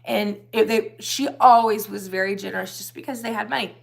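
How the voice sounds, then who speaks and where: A woman's voice: medium pitch, fairly even intonation, brisk, gravelly. A woman co-hosting a casual livestream chat, telling rambling stories with a slightly wheezy, scratchy voice. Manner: rambling storyteller, many restarts. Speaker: livestream co-host.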